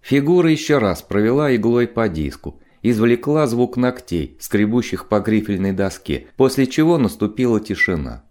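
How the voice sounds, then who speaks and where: A man narrating an audiobook in an expressive, dramatic reading style. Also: fairly low pitch, moderate pace, few pauses. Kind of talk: scripted narration.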